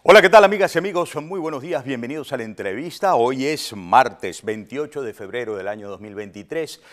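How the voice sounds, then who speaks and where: A man's voice: medium pitch, fairly quick, soft background music. A man hosting a morning news talk show, commenting emphatically and stacking words for effect. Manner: animated, emphatic, piles up words.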